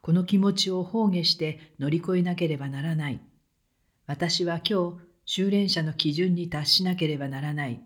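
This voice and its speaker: A narrator with a voice of middle pitch reads a first-person account. The delivery is calm and measured, following a script.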